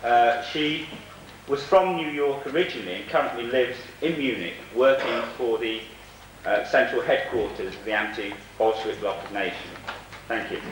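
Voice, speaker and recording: A man speaks formally and solemnly as the chair of a panel. His medium-pitched voice comes from some distance in a heavily reverberant hall. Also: normal speed. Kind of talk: formal speech and introductions. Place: large echoey room at a conference. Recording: very echoey hall, distant mic, faint noise.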